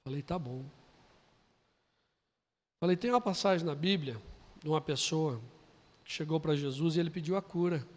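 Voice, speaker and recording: A Brazilian man preaching a sermon, telling a story quietly and then building to loud, emphatic preaching. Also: a little high, normal speed, pauses often. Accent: Brazilian Portuguese. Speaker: pastor. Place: church hall. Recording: long hall reverb.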